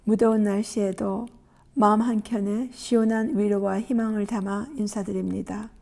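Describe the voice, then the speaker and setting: A woman reads aloud from a faith-based self-help book in calm, measured, scripted narration. Her voice is warm and mellow at a middle pitch, and her delivery stays gentle throughout. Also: gravelly.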